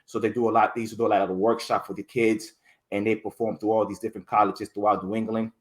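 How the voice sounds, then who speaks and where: A man's voice: fairly low pitch, little pitch movement, fast. A man chatting as an interview guest, telling his story in a loose, rambling way. He restarts words, leans on "like" and "you know", and livens up when he quotes other people. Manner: rambling, restarts words often, many fillers. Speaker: podcast guest. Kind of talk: casual interview chat.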